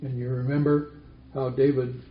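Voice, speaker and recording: A man's voice: medium pitch, little pitch movement, moderate pace, slight background noise. A man teaching a Bible study class, asking the group questions and repeating their answers back. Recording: roomy, dull lo-fi recording.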